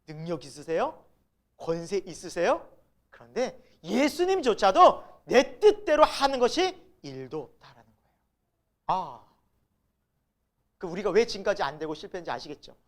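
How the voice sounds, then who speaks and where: A woman's voice: medium pitch, sing-song, normal speed, pauses often. A middle-aged woman pastor preaching a sermon, emphatic, asking the congregation rhetorical questions and building to exclamations.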